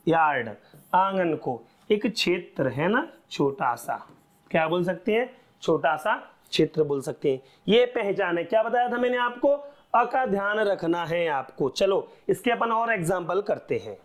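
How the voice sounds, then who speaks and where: A man with a high, light voice teaches a class at an unhurried, deliberate pace. He keeps quizzing his students with quick questions and then answers them himself, repeating each key point. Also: expressive. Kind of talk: classroom lecture.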